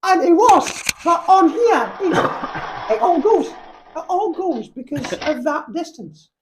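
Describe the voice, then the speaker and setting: A goofy sock puppet chats away in a very high falsetto. The voice is slightly muffled and rambles along like a seasoned comic in character. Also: male voice, very animated, slow, noisy background, exaggerated voice. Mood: animated. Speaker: podcast guest, puppet comedy act. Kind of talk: improvised comic chat in character.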